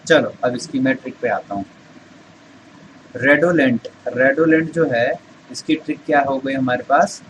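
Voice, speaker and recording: A man's voice: medium pitch, a little slow, slight background noise, low-quality recording. Hindi-speaking man teaching English words. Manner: explains step by step, keeps asking rhetorical questions and answering them. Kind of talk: Hindi vocabulary lesson with memory tricks.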